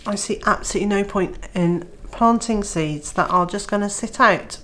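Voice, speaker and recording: A Welsh woman vlogs casually about her homestead in a mid-range, slightly bright voice at a moderate pace. She's nursing a cold that leaves her nasal and throaty, and she chats with many "uh"s. The audio is poor, with a little hiss or hum.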